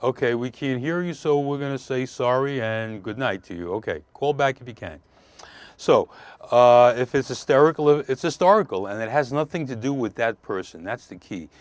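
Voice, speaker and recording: A man's voice: medium pitch, animated, moderate pace, no echo. A man who works as a relationship counselor hosting a live call-in show, explaining earnestly and repeating his key points.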